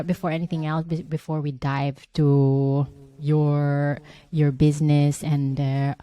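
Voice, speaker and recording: A woman's voice: low-pitched, mellow, dry recording. A woman co-hosting a tech podcast, reading a polished, upbeat introduction and then asking the guest questions into a studio microphone. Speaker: podcast co-host. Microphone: studio mic with headphones.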